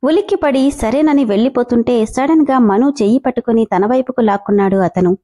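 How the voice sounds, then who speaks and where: A woman storyteller narrates a scripted story in a steady, expressive reading. Her voice sits fairly high but sounds mellow and soft-edged. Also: fairly quick.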